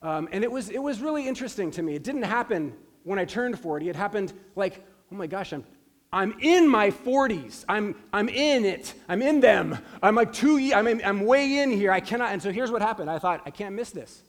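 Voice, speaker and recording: A man's voice: high-pitched, expressive, a little fast. A man in his forties, a pastor preaching a sermon in an earnest, emphatic way, repeating his key phrases. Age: 40s.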